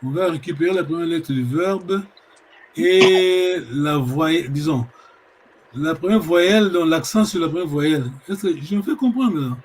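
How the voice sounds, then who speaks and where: Man, high voice, language teacher; slow explanations, lots of hesitations and drawn-out words. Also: darkish tone, a little hiss or hum. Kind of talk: online language lesson.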